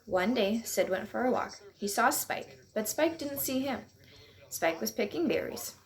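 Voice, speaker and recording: A woman reading a children's picture book aloud at home, in a gentle, lively read-aloud voice. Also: a little high, a little slow. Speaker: storyteller. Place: at home on a couch.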